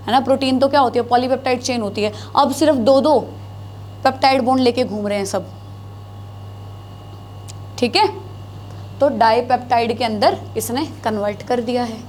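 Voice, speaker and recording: A woman with a high, slightly mellow voice teaches a biology class, questioning her students and answering herself while repeating key terms as she writes on the board. She mixes Hindi with English, and there is slight background noise.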